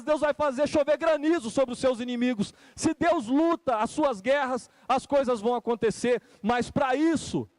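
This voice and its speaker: Preaching at a live service, this Brazilian man repeats phrases to drive points home and addresses the congregation conversationally. He has a high-pitched yet darkish voice, and the recording is dry.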